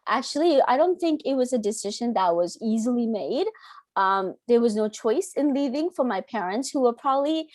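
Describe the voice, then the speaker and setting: A woman, a teacher chatting earnestly as a podcast guest, often pausing on "um". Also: a little high, animated, dry recording, studio quality. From Canada. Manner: warm, earnest, with frequent "um" fillers. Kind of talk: casual interview chat.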